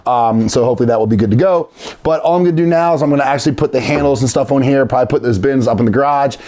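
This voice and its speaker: A man's voice: medium pitch, rapid-fire, a little mellow. A man talking informally to his viewers as host of a casual how-to video. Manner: informal, addresses viewers as guys. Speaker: host of a DIY video series.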